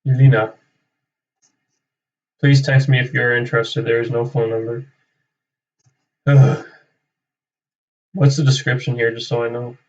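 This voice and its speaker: A young realtor from Canada, hosting a cold-calling livestream, talks a little slowly with frequent pauses in a level, medium-pitched voice. His chat is casual and unplanned, rambling as he thinks aloud and ending sentences with "right?". The audio comes through a distant, slightly dull mic.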